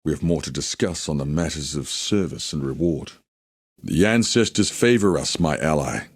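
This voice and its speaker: Haku, deep solemn warrior. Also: male voice, animated, slightly rough, no room sound, clean studio sound, exaggerated voice. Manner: solemn, measured, formal storytelling delivery. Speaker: video game character. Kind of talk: dramatic scripted game dialogue.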